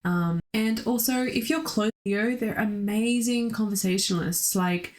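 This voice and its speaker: A woman's voice: mid-range voice, normal speed. A woman co-hosting a podcast, chatting enthusiastically with frequent laughs and fillers. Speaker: podcast co-host. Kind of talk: casual astrology chat.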